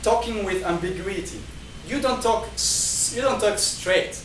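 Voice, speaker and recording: A guest speaker, a man whose first language isn't Chinese, gives a lecture-style talk to a discussion group indoors at a talk venue, moving through numbered points with many restarts and repeated words. His voice is high-pitched, a bit bright and a little slow. The echoey room and distant mic pick up slight background noise.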